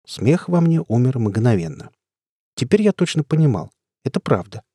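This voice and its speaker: A man narrates an audiobook in the first person, keeping a steady storytelling pace. His voice is dark and mellow with a husky edge, and the recording is dry and close. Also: medium pitch, moderate pace, no echo. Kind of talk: scripted narration.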